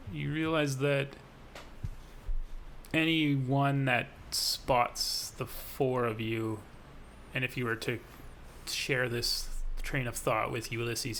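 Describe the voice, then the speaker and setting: A man with a gravelly, creaky voice narrates as game master of a tabletop game. He describes scenes in a relaxed way, with small hesitations. There is light noise in the background. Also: medium pitch.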